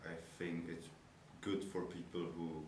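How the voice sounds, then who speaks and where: A young Czech university student, whose first language is Czech, answers interview questions about his studies in English. His low voice stays level and unhurried as he thinks carefully, searches for words and uses nonnative phrasing. The room is echoey and noisy, with the mic far away.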